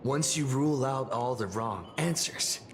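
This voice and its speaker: An actor voicing a solemn male detective in a game, slow and deliberate. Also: mid-range voice, lively intonation, lightly acted. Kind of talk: game voice acting. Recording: game audio with reverb and faint music.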